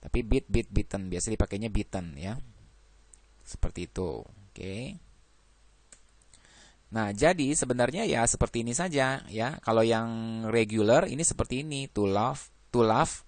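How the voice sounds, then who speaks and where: A man's voice: mid-range voice, normal speed, pauses often, dry recording. A man teaching an English grammar lesson, working through verb lists and adding "ya" after nearly every phrase.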